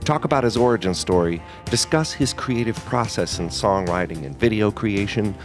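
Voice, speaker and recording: A man hosting a podcast, reading a smooth, scripted show introduction. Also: fairly low pitch, normal speed, soft background music. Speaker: host.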